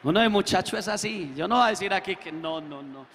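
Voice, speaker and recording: A man preaching a testimony in church, acting out the voices in his story and rising to shouts. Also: sits high, lively intonation, brisk, slight background noise. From Colombia. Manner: acts out quoted dialogue, swells to shouting. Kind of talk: sermon testimony. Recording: echoey hall with long reverb.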